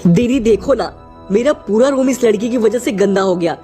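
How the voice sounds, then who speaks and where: A woman voicing a spoiled, squeamish young woman in an animated story, shrill and complaining. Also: moderate pace, soft background music, lightly acted. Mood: disgusted.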